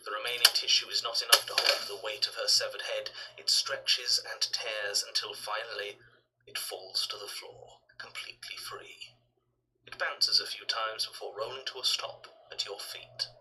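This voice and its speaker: Ominous, forceful game storyteller. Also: male voice, on the low side, fairly even intonation, normal speed, a little hiss or hum, low-quality recording. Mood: ominous, grave. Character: ominous male storyteller narrating grisly events in second person. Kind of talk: dramatic video game narration.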